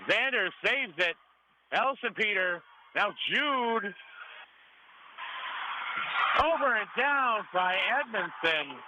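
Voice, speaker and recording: A man calls live volleyball play-by-play for radio from a school gymnasium, using clipped short calls that rise on big plays. His voice sits high and animated, yet he speaks slowly with long pauses. Gym ambience and cheering student sections fill the noisy broadcast.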